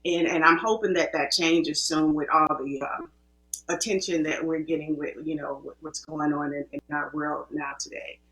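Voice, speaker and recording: A woman's voice: sits low, steady tone, normal speed, a bit bright. Woman film producer guest, Midwest-raised, chatty and restarting often, in an echoey room. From American Midwest. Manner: chatty, self-interrupting storyteller. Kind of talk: casual interview talk.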